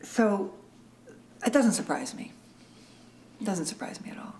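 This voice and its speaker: A woman speaking slowly and deliberately in an interview. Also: mid-range voice, expressive, darkish tone, slight background noise. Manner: slow and deliberate. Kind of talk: reflective interview.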